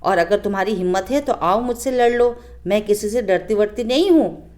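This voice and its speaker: A woman voicing a boastful female fly that tuts softly and taunts with scorn. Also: medium pitch, expressive, moderate pace, close to an everyday voice. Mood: taunting. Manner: scornful taunting, soft tutting.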